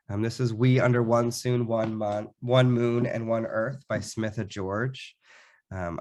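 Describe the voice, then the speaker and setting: A man with a sick-sounding, lowish voice presents slides about a public art program, speaking haltingly with frequent ums and restarts.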